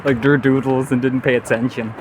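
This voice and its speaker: A native Danish speaker with a Danish accent, this male travel vlogger talks a little fast in a mid-range, level tone. He rambles earnestly in a casual walking monologue on a city street, regularly adding "you know," with clear traffic and vehicle noise around him.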